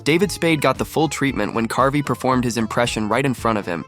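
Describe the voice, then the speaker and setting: A man's voice: medium pitch, animated, brisk, a bit bright, soft background music. A man giving scripted, upbeat narration for a compilation of comedy clips.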